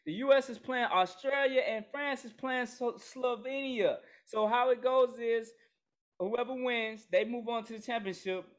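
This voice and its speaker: Casting note: man, high voice, excitable host of a casual sports podcast. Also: normal speed. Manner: excitable, calls out segments.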